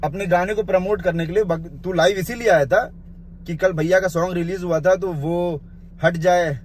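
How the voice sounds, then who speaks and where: A man with a noticeably high-pitched voice goes through a rival's claims point by point in a heated vlog rant. He scolds bluntly, speaking to the other man directly with the informal "you.". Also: steady tone, moderate pace, a little hiss or hum. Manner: scolding, addresses the listener with the blunt informal 'you'; point-by-point rebuttal. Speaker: vlogger responding to a rival's live video. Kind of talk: confrontational rant to camera.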